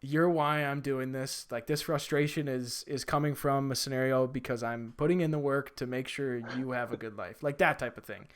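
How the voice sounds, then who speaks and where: A man's voice: mid-range voice, steady tone, moderate pace, hardly any pauses, smooth. A young man hosting a podcast, asking rambling, friendly questions in casual chat, full of "like" fillers. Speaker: podcast host.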